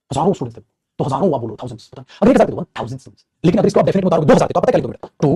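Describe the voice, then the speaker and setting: A male teacher rattles through a live online grammar class at great speed, his pitch leaping around as he scolds and motivates. His voice is husky and mellow. It sits close and dry on the mic. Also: no room sound. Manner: scolding, motivational, calls students beta.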